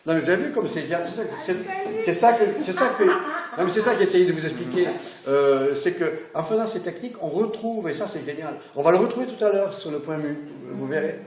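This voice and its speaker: Guy showing massage moves to a class, bit high voice, echoey room, keeps asking ok?. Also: expressive, a little fast, hardly any pauses. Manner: chatty, keeps checking in with the class. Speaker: massage instructor. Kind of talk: hands-on teaching demonstration. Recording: roomy echo, faint background noise.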